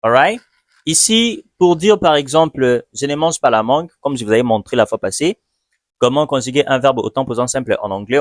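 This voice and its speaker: A man teaching English in a video lesson, speaking patiently and repeating each example slowly. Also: mid-range voice, no echo. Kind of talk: video lesson, slow explanation.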